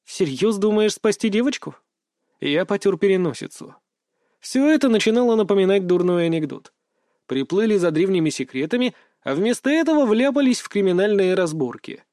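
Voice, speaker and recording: Male audiobook reader, fairly high voice, dry close sound, brisk gruff edge. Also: animated, darkish tone, no room sound. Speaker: audiobook narrator. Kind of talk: first-person fantasy audiobook narration.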